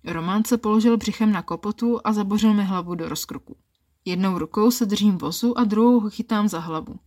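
A woman telling a first-person erotic story in a calm, intimate storytelling manner. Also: mid-range voice.

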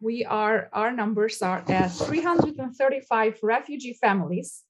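Shelter coordinator, female, Albanian accent, fairly high voice, earnest, non-native English phrasing. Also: expressive, normal speed, highs cut off. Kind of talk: earnest interview talk.

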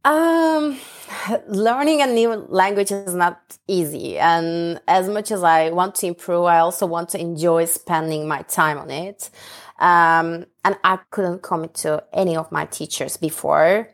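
A Turkish woman in her thirties, a native speaker of Turkish and a student of English, answers interview questions in English as a guest in a casual chat. Her voice is on the low side and a little slow. She sounds hesitant, says "uh" often, and laughs easily.

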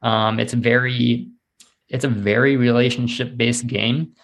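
Gravelly, flat-voiced man. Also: medium pitch. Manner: measured, matter-of-fact explaining. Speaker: multifamily real estate investor guest. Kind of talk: casual interview answer.

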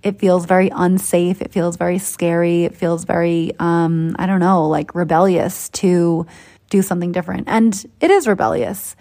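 A woman's voice: fairly low pitch, fairly even intonation, normal speed, dark tone. A woman from Boston hosting a podcast as a coach, talking in a chatty, upbeat and persuasive way. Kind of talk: motivational podcast monologue.

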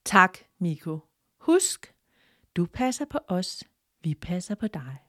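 A woman's voice: lowish voice, very animated, dry recording, clean studio sound. A woman voicing a talking birch tree that urgently pleads to be spared. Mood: pleading.

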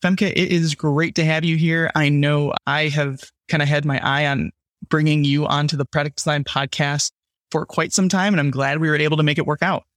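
A man hosts a podcast interview, leading with friendly, relaxed questions. His voice sits a little high for a man, and the sound is close and dry. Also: normal speed, no room sound. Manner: friendly, scripted intro then relaxed questions. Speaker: podcast host.

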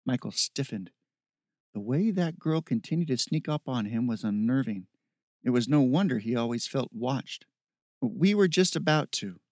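A man's voice: mid-range voice, normal speed, warm tone, no room sound. Man reading a story, dry sound. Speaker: narrator. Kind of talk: audiobook narration.

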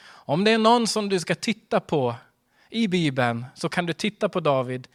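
Male pastor, fairly high voice, earnest sermon delivery with rhetorical questions and emphatic peaks. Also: very animated.

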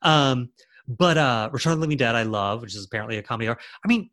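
Male author guest, mid-pitched, loose and rambling with frequent fillers. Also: animated, racing, fairly bright tone. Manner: rambling, many fillers and restarts. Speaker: author and screenwriter. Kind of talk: casual interview talk.

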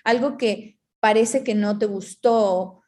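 Mellow-voiced woman explaining with analogies. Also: medium pitch, slow. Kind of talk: casual reflective chat.

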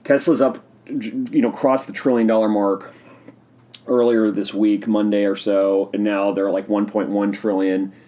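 A man hosting a casual solo podcast, talking in an excitable, rambling, opinionated way while sipping a drink. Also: fairly low pitch, a little slow. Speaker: podcast host.

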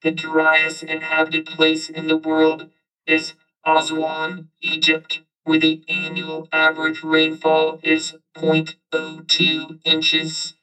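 A man putting on a slow, deadpan announcer voice to read a science fact. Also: on the high side, far from the mic, faint music behind, low-quality recording.

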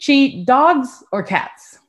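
This American podcast co-host, a young adult woman, talks very slowly in a high, animated voice. She chats casually with a friend in a giggly way, laughing frequently.

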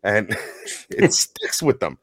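A man's voice: on the low side, slow, husky, no room sound. A man in his thirties co-hosting a casual podcast, telling stories and laughing often. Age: 30s. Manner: animated storyteller, laughs often. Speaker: podcast co-host, tow operator. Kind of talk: casual chat.

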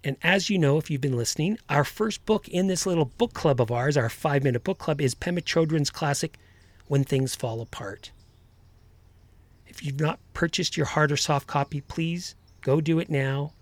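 A man's voice: a little high, moderate pace, dry recording. A man hosting a motivational podcast as a coach, addressing listeners directly in an earnest, emphatic way.

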